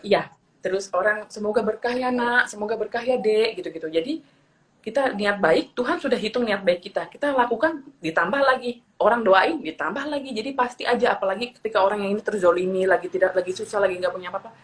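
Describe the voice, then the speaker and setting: A woman's voice: medium pitch, quick pace, poor audio. A young woman from eastern Indonesia, a guest telling personal stories in a casual interview, earnest and repeating her phrases as she goes. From Papua, eastern Indonesia. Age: young adult.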